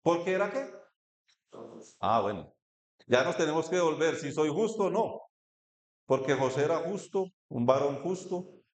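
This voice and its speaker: A man with a Colombian Spanish accent preaching a sermon, reading scripture and asking the congregation questions. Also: a little high. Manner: asks the congregation questions, reads scripture aloud. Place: church hall. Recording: echoey church room.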